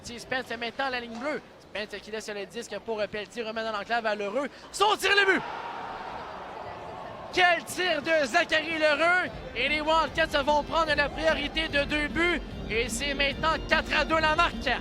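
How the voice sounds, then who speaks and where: A man with a Quebec French accent giving excited sports commentary as an ice hockey play-by-play announcer, urgent and ready to burst into shouts. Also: very high-pitched, moderate pace, few pauses. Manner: urgent calls that burst into shouts on shots and goals. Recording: loud arena crowd and music behind. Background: cheering crowd and arena music.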